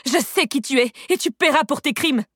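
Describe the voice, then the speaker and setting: Screaming hateful woman, done by an audiobook reader, high and loud, dry. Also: expressive, normal speed, no echo. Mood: furious. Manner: shrieking, vibrant with hate. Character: unseen woman screaming accusations, full of hatred.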